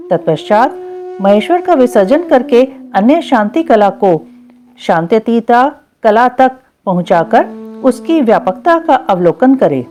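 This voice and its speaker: Mellow lively woman reading scripture. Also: fairly high pitch. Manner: measured, chanting Sanskrit verses slowly. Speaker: scripture reader. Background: faint background music.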